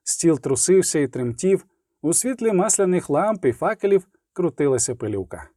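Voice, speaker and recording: A man's voice: fairly high pitch, big pitch swings, moderate pace, mellow, no echo, clean studio sound. A man narrating a fantasy audiobook in a vivid, rhythmic reading style. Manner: vivid, rhythmic, building pace in the action. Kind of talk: scripted fiction narration.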